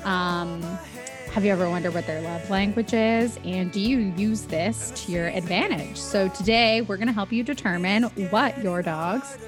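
A woman's voice: mid-range voice, moderate pace, music in the background. A woman co-hosting a podcast on a radio station, chatting in a lighthearted, casual way. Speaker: podcast co-host. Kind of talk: casual chat. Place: radio studio.

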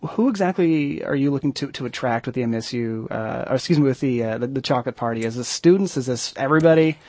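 A man hosting a radio interview, asking questions in quick, halting bursts with many restarts. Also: mid-range voice, mellow, no room sound. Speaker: radio host. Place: radio studio.

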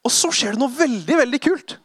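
A man preaching a sermon, retelling Bible stories with lively acted-out voices and sudden hushed passages. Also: very high-pitched, slightly rough, no room sound, studio quality. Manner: animated storytelling, acting out voices, drops to hushed tones.

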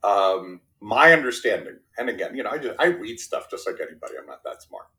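A Brooklyn, New York man in his fifties, whose first language was Spanish, chats casually as an interview guest. He's self-deprecating and keeps checking in with "right?". His voice is lowish, sing-song and sharp, and a little fast.

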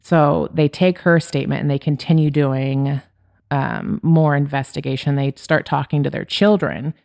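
A woman's voice: low-pitched, normal speed, creaky, a little mellow. A woman hosting a true crime podcast, retelling a case from her notes in a chatty way. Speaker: podcast host.

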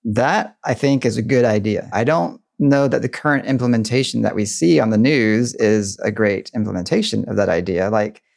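A man's voice: lowish voice, moderate pace, gravelly, few pauses, a little mellow. A man chatting on a podcast, sharing thoughtful, slightly hesitant opinions. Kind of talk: casual chat.

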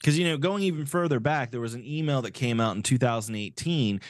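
A man's voice: medium pitch, expressive, brisk, no room sound, clean studio sound. A man hosting a podcast, delivering casual comedic commentary as a profane, sarcastic rant. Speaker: podcast host.

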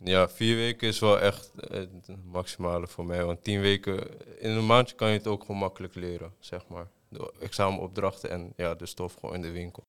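A man's voice: sits low, steady tone, a little fast, hardly any pauses, a bit bright, smooth. A young male student talking about his internship in a hesitant way, with many fillers. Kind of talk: casual chat.

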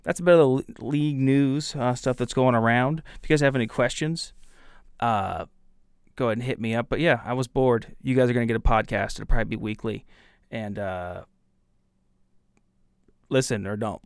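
On a casual solo podcast, the male host trash-talks bluntly in a gravelly, mid-range voice at a moderate pace. The recording is dry and studio quality.

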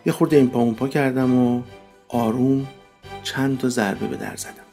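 A man's voice: medium pitch, fairly even intonation, gravelly, mellow. A man narrating a first-person story in a wry, conversational way. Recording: faint background music.

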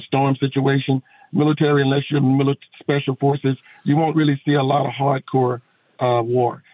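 A man's voice: medium pitch, no room sound. A middle-aged man, a pastor and veteran, talking earnestly on a phone-in radio interview with many fillers and restarts. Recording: tinny phone line.

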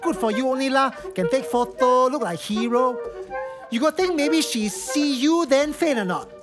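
A man's voice: extremely high pitch, moderate pace, music in the background, voice pushed up. A man voicing an indignant older Singaporean auntie in a story, scolding in Singlish with particles and rhetorical questions.

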